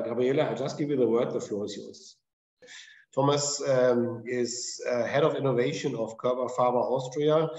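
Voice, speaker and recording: Man, webinar moderator, halting delivery, mellow tone, dull lo-fi call audio. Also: mid-range voice, roomy sound. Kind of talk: introducing speakers at an online seminar. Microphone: video call.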